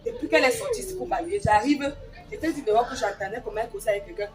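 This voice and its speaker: Woman doing a mean bossy stepmom, high voice, snapping orders and putting people down. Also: very animated, rapid-fire, faint music behind. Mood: accusing. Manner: barking orders, scolding and contemptuous. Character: harsh, domineering stepmother who bullies her stepdaughter. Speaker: actress in a family skit. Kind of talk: scripted skit acting.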